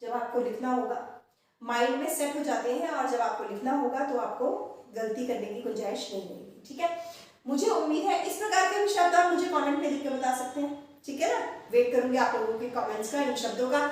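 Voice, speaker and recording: A woman's voice: sits high, a little fast, distant mic. A woman teaching grammar to her viewers, patiently repeating each word several times as she explains. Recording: very echoey room, voice set back from the mic.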